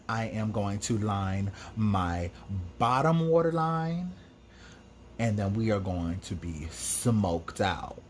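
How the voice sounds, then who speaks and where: A man with a fairly low voice hosts a makeup tutorial as a sassy drag queen. His talk is campy, chatty and full of slangy exclamations. There is faint noise behind him. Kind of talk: casual makeup tutorial commentary with chatty asides.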